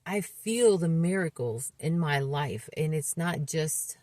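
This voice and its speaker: A woman in her fifties speaking candidly about her own recovery, earnest and halting, with frequent restarts and fillers. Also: low-pitched, expressive, a little mellow, no echo. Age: 50s. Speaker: recovery vlogger. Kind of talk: candid personal testimony.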